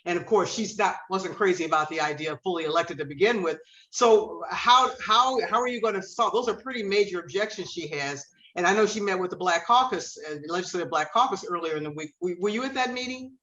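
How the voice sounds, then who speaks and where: A man interviewer asking questions on a live call, halting and repeating his words. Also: high voice, bright, forceful tone. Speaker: interviewer, journalist. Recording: echoey, dull video call audio.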